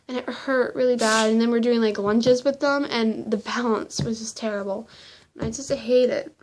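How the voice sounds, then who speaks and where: A teenage girl with a high, bright voice rambles through a story for her vlog camera. She talks casually and turns indignant as she goes, acting out both sides of an argument. A faint hiss sits under the recording. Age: teens. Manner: rambling, indignant, with quoted exchanges. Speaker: vlogger.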